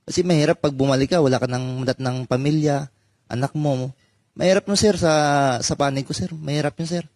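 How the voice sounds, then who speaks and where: A man's voice: on the high side, a little fast, darkish tone, no echo. A man telling a personal story in a hesitant way, with many fillers and "sir" after almost every phrase. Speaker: former marine explaining his discharge. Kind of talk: halting personal testimony.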